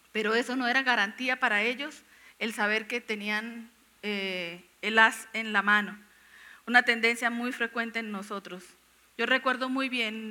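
Woman preacher, high bright voice, emotional, repeats for emphasis. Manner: earnest, emotional, laughs often, repeats phrases. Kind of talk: personal testimony in a sermon.

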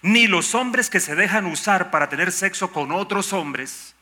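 High bright emphatic preaching man. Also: expressive, a little slow. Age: older. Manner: emphatic preaching with rhetorical questions and mock objections. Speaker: pastor. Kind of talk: sermon.

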